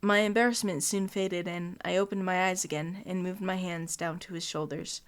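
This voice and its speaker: A woman's voice: lowish voice, fairly even intonation, normal speed, clean tone. A young woman reading the narration of a fan story aloud, stumbling over words and laughing with a friend. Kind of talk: casual read-through of a fan story.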